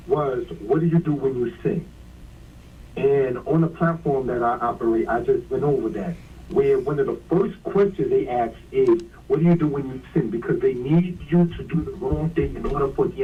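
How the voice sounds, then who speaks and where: A male caller heard over a phone speaker, arguing earnestly about scripture. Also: medium pitch. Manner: earnest, argumentative. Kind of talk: call-in discussion of scripture. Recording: tinny distant phone line with faint hiss.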